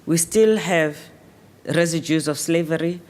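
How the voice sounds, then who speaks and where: A woman's voice: low-pitched, unhurried, darkish tone, a little hiss or hum. A woman on the panel answering in a firm, reflective way.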